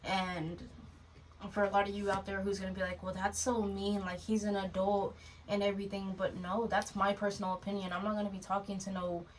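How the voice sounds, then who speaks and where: A woman's voice: medium pitch, level tone, fairly quick. A woman in her twenties co-hosting a podcast in casual chat, blunt and slangy. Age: 20s. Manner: blunt, slangy, throws in "dude" and "bro". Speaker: podcast co-host. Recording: distant mic with faint noise.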